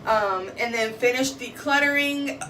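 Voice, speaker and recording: A woman's voice: on the high side, measured pace, sharp tone, far from the mic, a little hiss or hum, rough recording. A young woman vlogging casually at home, chatting as she walks viewers through her bathroom while decluttering and cleaning.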